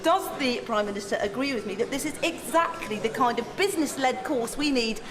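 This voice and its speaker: A woman's voice: on the high side, expressive, a little fast. A woman member of parliament delivering a prepared, formal question in a debating chamber. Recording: echoey hall with crowd noise.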